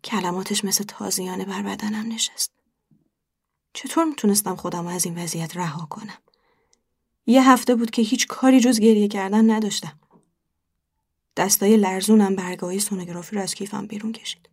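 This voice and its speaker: A woman narrating a first-person story in a hushed voice that often drops to a half-whisper. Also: mid-range voice, long pauses, slightly rough.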